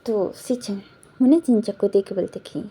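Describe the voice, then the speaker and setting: A woman's voice: mid-range voice, normal speed, mellow, breathy edge. A woman casually retelling a fan story, rambling and repeating her filler words.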